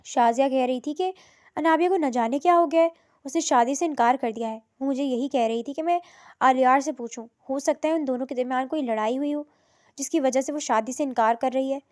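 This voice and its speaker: A woman's voice: high voice, lightly acted. A woman voicing a worried middle-aged mother who pleads and then scolds sharply. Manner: anxious pleading, sharp scolding when angry.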